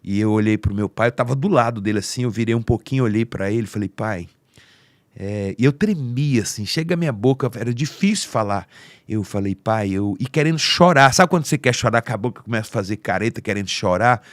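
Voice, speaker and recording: A man with a Brazilian accent tells an emotional family story on a podcast, slipping into the voices of the people in it. His voice sits at a middle pitch. It sounds dry and close on the mic. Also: animated, fast talker, no room sound. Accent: Brazilian Portuguese. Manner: heartfelt, acts out quoted family voices. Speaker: podcast speaker.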